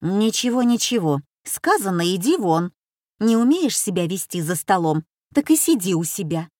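A woman voicing a bustling mother who scolds briskly at the dinner table. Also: mid-range voice, very animated, darkish tone, no echo, studio quality. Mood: scolding.

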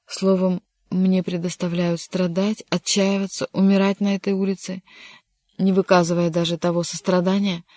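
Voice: medium pitch, a little mellow, no echo, natural voice. A reader voicing a lovesick, despairing young count in an audiobook, speaking in an impassioned, pleading way. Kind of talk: audiobook reading.

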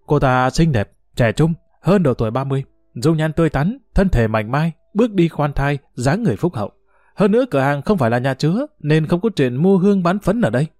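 A man's voice: a little high, lively intonation, fairly quick, darkish tone, no room sound, studio quality, faint music behind, natural voice. A man voicing a proud, teasing old retired official who talks in a boastful, bureaucratic way. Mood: smug.

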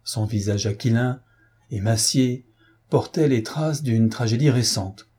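Dark, husky male storyteller. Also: mid-range voice. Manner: steady, measured storytelling. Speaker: audiobook reader. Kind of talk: scripted narration.

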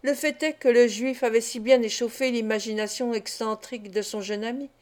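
A woman narrating a classic novel in an audiobook, measured and expressive. Her voice sits a little high. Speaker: audiobook reader.

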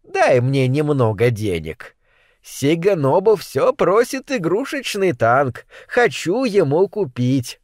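A man reading an audiobook voices a meek, wheedling mother in her sixties who coaxes slowly. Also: on the high side, very animated, dry recording, studio quality. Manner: fawning, coaxing, slow.

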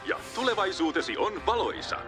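An actor voicing a polished, upbeat announcer in a mock company commercial. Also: male voice, high voice, sing-song, over loud music. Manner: polished, upbeat advertising delivery. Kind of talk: mock TV commercial in a film dub.

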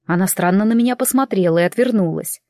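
A woman narrating a fantasy novel in the first person in an even storytelling manner. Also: mid-range voice, quick pace, no room sound, clean studio sound. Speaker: audiobook narrator.

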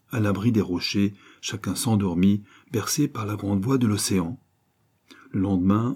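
A man's voice: warm tone, slightly rough. A man reading an adventure novel aloud as scripted narration, lifting his voice for the characters' lines. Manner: reads dialogue with lifted, livelier pitch. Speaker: audiobook reader.

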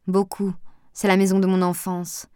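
A woman's voice: medium pitch, completely flat delivery, moderate pace, dark tone, clean tone, dry recording, clean studio sound, lightly acted. A woman voicing a young woman doctor who answers briefly and politely.

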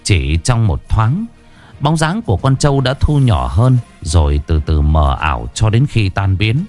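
A man's voice: on the low side, very animated, a little slow, darkish tone, soft background music. A man narrating a story in a vivid, dramatic way.

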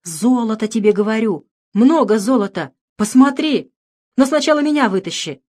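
Woman voicing a shouting excited workman. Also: sits high, moderate pace. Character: tipsy workman stuck in a pit, excited.

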